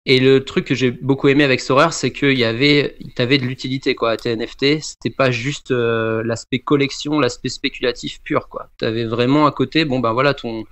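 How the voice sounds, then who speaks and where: A man's voice: mid-range voice, fairly even intonation, a little fast, hardly any pauses, fairly bright tone. A man in his thirties from the Bordeaux region of France, a podcast guest talking casually with lots of fillers and restarts. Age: 30s. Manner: chatty, many fillers and restarts.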